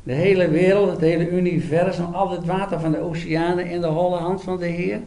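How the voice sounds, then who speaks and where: A man's voice: high-pitched, steady tone, brisk, dark tone. A man preaching a sermon, retelling a scripture story with dramatic, emphatic storytelling.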